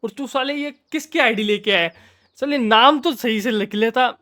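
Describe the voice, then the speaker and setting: A man's voice: very high-pitched, normal speed, sharp tone. A man giving casual, jokey commentary while playing a game, playfully scolding the characters on screen. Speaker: gamer.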